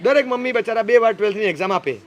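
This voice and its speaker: Fast, high-voiced man giving a playful sermon. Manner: playful, teasing, mimics parents and teens. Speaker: speaker addressing young people. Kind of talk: humorous sermon.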